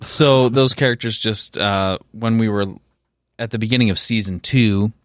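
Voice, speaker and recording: A man co-hosting a podcast in casual chat, animated and laughing often, with plenty of fillers. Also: on the low side, normal speed, no echo, clean studio sound. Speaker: podcast co-host.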